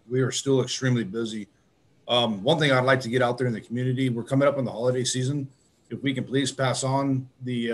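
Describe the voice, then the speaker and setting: A man reporting to a city committee as police chief, plain and direct with many fillers. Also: medium pitch. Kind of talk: spoken report at a public meeting. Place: council chamber.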